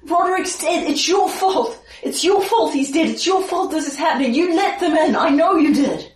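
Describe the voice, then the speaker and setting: A woman voicing an angry, frantic townsman who rants and shouts accusations. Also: moderate pace, a little hiss or hum, close to an everyday voice. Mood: furious, accusing. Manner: shouting accusations, shrill and ranting. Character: angry, frantic middle-aged townsman blaming others. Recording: echoey room, mic far off.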